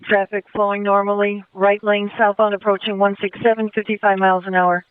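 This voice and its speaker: A man's voice: high voice, completely flat delivery, fairly quick, clear, resonant tone, dry recording. A man dispatching over police radio, repeating back each report in short clipped phrases. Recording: tinny police radio transmission.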